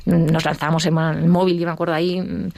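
A woman's voice: low voice, flat delivery, fast, vocal fry, a little mellow, no echo. A middle-aged woman telling her personal story in an interview, acting out the voices she quotes. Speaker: interview guest.

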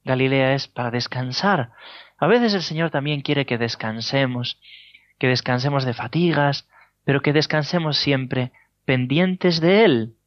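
A man with a Spain Spanish accent preaching a sermon as a priest, telling stories with gentle humor and chuckles. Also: mid-range voice, a little slow, no room sound. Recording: dull lo-fi dry sound.

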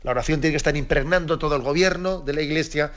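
A man's voice: a little high, quick pace. A priest preaching an earnest sermon to fellow priests, repeating his key phrases and asking rhetorical questions. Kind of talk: reflective sermon to clergy. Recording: dull lo-fi sound.

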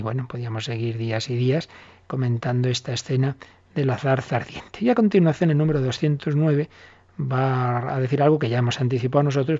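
A man, a priest giving a catechism lesson and acting out short dialogues as he explains. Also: medium pitch. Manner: animated storytelling, acts out little dialogues. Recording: dull lo-fi recording.

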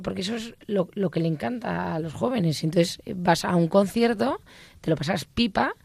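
A woman's voice: fairly low pitch, vocal fry, darkish tone, no room sound. A middle-aged woman, a mother, chatting as a guest on religious radio, eager and talkative.

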